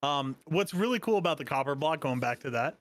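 A man's voice: on the high side, a little fast. A man co-hosting a podcast, joking and rambling in casual chat. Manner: animated, jokey, rambling with fillers. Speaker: podcast co-host.

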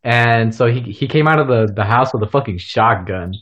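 A man's voice: mid-range voice, normal speed, fairly bright tone. Laid-back man on muffled audio. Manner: laid-back, swears freely. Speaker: podcast co-host. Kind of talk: casual chat. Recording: dull lo-fi sound.

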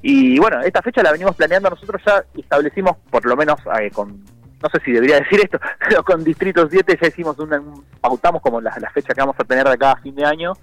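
A man's voice: a little high, quick pace, dry recording, poor audio. Male guest, easygoing rambler, dry sound with faint music. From Argentina. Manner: relaxed, rambling, many fillers and restarts. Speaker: murga member, guest. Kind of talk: casual phone interview.

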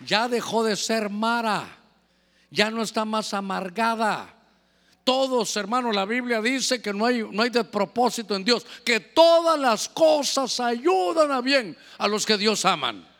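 A man's voice: high voice, animated, measured pace, fairly bright tone, long reverb tail. A male pastor preaching a sermon, swinging between fervent exclamations and chatty asides to the congregation.

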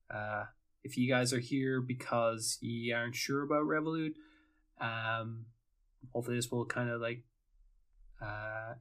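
A man's voice: mid-range voice, fairly bright tone. A man hosting a solo podcast, talking casually in a rambling way, full of fillers and tangents. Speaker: podcast host.

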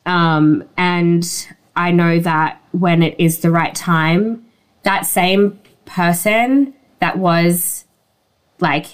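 A woman with a slightly low voice talks as a guest sharing a personal story. Her delivery is candid and informal, conversational in wording and sprinkled with "like" and "you know". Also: fairly even intonation, extremely slow, smooth. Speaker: interview guest.

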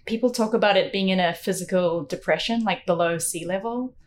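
A woman's voice: medium pitch, fairly quick, a little hiss or hum. A woman with a New Zealand accent chatting as a podcast guest, giggly and full of fillers. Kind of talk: casual podcast chat.

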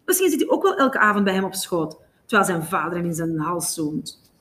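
A hoarse young woman shouts and scolds with a high, urgent edge, as a woman reading a novel voices her. The rasp stays in her throat even as she pushes her voice up and forward. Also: brisk. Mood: tense.

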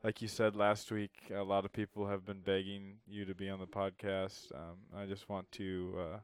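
A man's voice: low-pitched, flat delivery, normal speed, clean tone, dry recording. A man from Minnesota, a guest on a podcast, joking in a dry, teasing way. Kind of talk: casual chat.

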